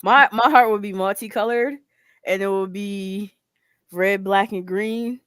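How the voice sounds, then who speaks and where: A woman's voice: medium pitch, measured pace, fairly bright tone, clean tone, dry recording, clean studio sound. A woman co-hosting a radio chat, reading out questions and teasing the others playfully. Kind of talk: casual panel chat.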